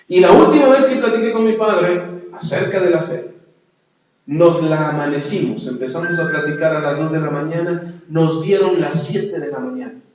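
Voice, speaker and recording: A man preaching a sermon and telling his own testimony, emphatic and calling out to the congregation. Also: on the high side. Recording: echoey, dull hall sound from far off.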